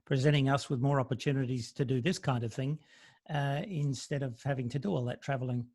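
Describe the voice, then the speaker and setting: A man's voice: mid-range voice, steady tone, a little fast, a little mellow. A man hosting a podcast interview, bantering and joking with his guest. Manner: jokey, playful banter. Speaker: podcast host. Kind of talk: casual interview chat.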